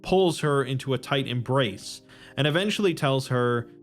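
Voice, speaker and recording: A man narrating a dark fantasy story in a slow, measured, scripted style. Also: mid-range voice, expressive. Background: soft background music.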